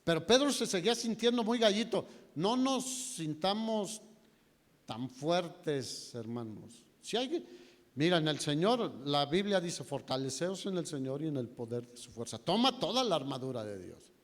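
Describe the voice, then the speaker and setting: A man's voice: a little high, very animated, measured pace, long reverb tail. A man with a Mexican Spanish accent preaching a sermon, telling the story dramatically, his voice swinging from raised to nearly whispered. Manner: dramatic storytelling, voice rising and dropping to near whispers. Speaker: pastor. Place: church hall.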